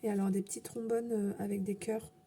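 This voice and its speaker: Woman chatting over an unboxing, dark mellow tone, a bit husky, lots of um and little laughs. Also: mid-range voice, flat delivery, a little fast. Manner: chatty, hesitant, many fillers and soft laughs. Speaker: scrapbooking vlogger. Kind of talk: casual unboxing chat.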